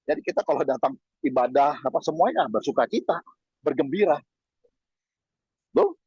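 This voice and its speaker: Pastor, man in his fifties, husky voice pitched a touch high, sermon delivery with lively swings and asides, dull dry recording. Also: no room sound. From Indonesia. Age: 50s. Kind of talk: sermon over video call.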